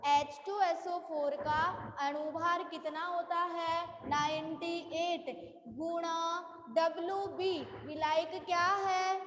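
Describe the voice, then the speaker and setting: Slow, high-voiced woman teacher. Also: little pitch movement, a bit bright, long reverb tail, slight background noise. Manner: slow and repetitive, asks and answers her own questions; calls students by name and praises them. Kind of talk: online class lecture.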